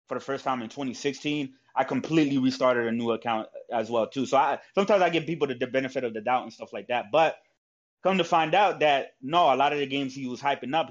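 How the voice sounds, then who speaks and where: Rambling profane man in lo-fi audio. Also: medium pitch. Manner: rambling, profane, lots of fillers. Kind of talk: casual chat. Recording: dull lo-fi audio.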